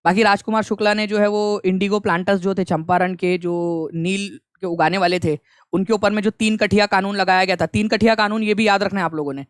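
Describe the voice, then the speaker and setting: A man's voice: high-pitched, steady tone, brisk, clean tone, no echo, clean studio sound. A young man teaching an online exam-prep lecture in a conversational way, repeating key points and mixing in English phrases.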